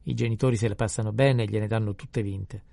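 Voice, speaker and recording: Male narrator playing a fussy, oblivious country priest, talkative and quick to scold, gravelly and dark, audiobook. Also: on the low side, fairly even intonation, dry recording. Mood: chatty. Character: bustling, oblivious middle-aged male village priest. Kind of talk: audiobook reading.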